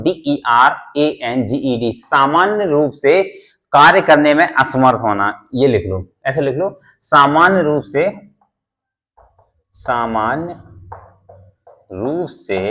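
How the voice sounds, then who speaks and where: A man's voice: fairly high pitch, animated, slow pace, long pauses, bright, forceful tone. A man teaching English vocabulary in Hindi, repeating each word, spelling it letter by letter and quizzing his students. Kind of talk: Hindi-language classroom lesson.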